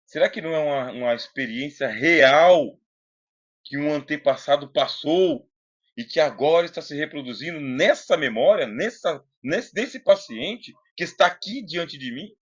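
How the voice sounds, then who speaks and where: Speaking into a close Bluetooth mic in a closed room, a Brazilian-accented man delivers a loose, teaching-style philosophy lecture, asking the listener questions and reading some passages aloud. His slightly high voice is expressive at a moderate pace, captured as slightly dull, lo-fi computer audio.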